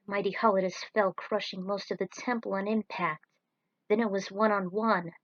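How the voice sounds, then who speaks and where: Reading her own action fan fiction aloud, this narrator delivers it dramatically, as if from a script. Her voice sits at a medium pitch with fairly even intonation and a moderate pace. The audio is dry, close-miked, dull, and lo-fi.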